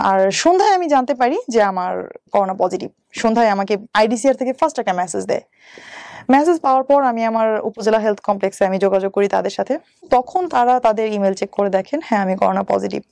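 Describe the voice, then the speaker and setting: Speaking in a somewhat high, slightly mellow voice, a woman in her thirties with a Bangladeshi accent recounts a personal story step by step as an interview guest, with some English mixed in. She works at a bank, and the clean studio recording has no echo.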